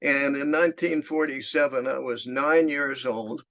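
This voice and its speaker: Gravelly older storyteller, man in his eighties, chuckling reminiscence, middling pitch. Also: steady tone, unhurried, a bit bright. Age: 80s. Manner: chuckles through his anecdotes. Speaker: narrator recalling his past.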